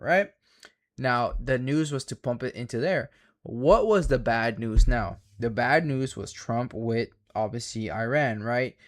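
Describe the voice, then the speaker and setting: A man giving casual live-stream commentary as a trading mentor, swearing often in slangy, emphatic, repetitive phrases. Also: medium pitch.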